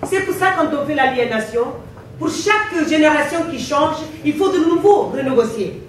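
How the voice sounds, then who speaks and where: A woman's voice: sits high, lively intonation, moderate pace. Woman presenting at a conference, foreign accent in french, really echoey and far from the mic. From Guinea-Bissau. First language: not French. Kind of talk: impassioned public talk in French as a second language. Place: indoor conference room. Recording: very echoey hall, distant mic, faint noise.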